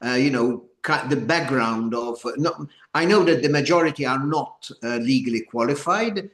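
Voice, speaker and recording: An older man opening a training session for a group, speaking deliberately and haltingly with repeated words. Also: medium pitch, a bit bright. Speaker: former judge giving a training session. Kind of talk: informal lecture opening, addressing a group. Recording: echoey room.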